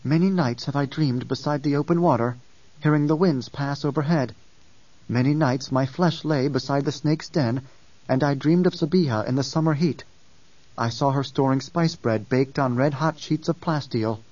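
Hushed, longing young visionary, as a man reads him. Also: mid-range voice, no room sound, close to an everyday voice. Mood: yearning. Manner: slow, hushed, yearning. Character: weak dreamy young male visionary, longing. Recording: dull distant dry recording.

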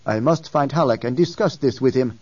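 A man voicing a cold, calm older desert elder who speaks slowly. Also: mid-range voice, close to an everyday voice. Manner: oddly calm, slow and cold. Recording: dull distant dry recording.

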